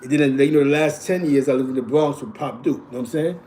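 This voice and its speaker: A man's voice: medium pitch, quick pace, warm tone, slight background noise. A man in his forties with a New York accent, telling neighborhood stories in a rambling, repetitive way and filling gaps with "you know what I'm saying". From East Harlem, New York. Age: 40s. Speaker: show host. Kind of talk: casual streetwise storytelling.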